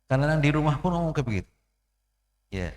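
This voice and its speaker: A man giving a mosque sermon in a conversational way, repeating phrases, often saying "ya" and clearing his throat. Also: a little high, lively intonation, quick pace, darkish tone. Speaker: preacher. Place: mosque hall. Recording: echoey hall with long reverb.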